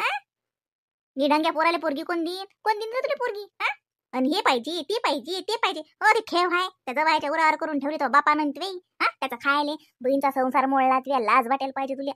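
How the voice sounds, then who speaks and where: A woman's voice: extremely high pitch, sharp tone, dry recording, clean studio sound, full character voice. A woman voicing a scolding middle-aged village mother in a cartoon comedy, speaking with a Vidarbha Marathi accent and nagging with repeated "हा?" tags.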